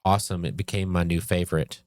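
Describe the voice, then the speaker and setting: Man, very low voice, slow deliberate talk, casual game chat. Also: steady tone, darkish tone, clear, resonant tone, no echo, clean studio sound. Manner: slow, deliberate, restarts his points. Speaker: co-host. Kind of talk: casual chat about games.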